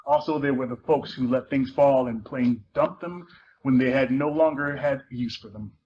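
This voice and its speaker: A theater performer gives a dramatic reading of a novel excerpt, narrating and acting out the dialogue in a medium-pitched voice at a moderate pace. The live recording is muffled, with faint noise.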